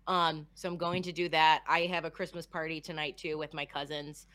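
A woman's voice: low-pitched, flat delivery, fairly quick, fairly bright tone, no echo. A woman of about thirty chatting on a podcast, earnest and joking. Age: 30s. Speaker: co-host. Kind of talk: casual podcast chat.

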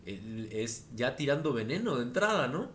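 A man's voice: medium pitch, big pitch swings, moderate pace, fairly bright tone, a little hiss or hum. A man co-hosting a casual book discussion, conversationally retelling the book's examples.

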